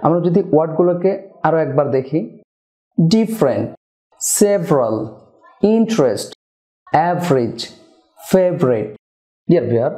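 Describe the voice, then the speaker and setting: A man from Bangladesh teaching English pronunciation in Bengali, slowly repeating example words. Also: high voice, mellow, dull audio. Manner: slow, deliberate repetition of example words. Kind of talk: Bengali-language English lesson.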